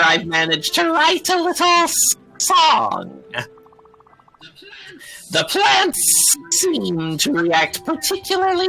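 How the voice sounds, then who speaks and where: A man voicing a gentle, theatrical snake woman who loves gardens, reading game dialogue aloud in a put-on snake voice. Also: extremely high pitch, vocal fry, heavily acted, poor audio.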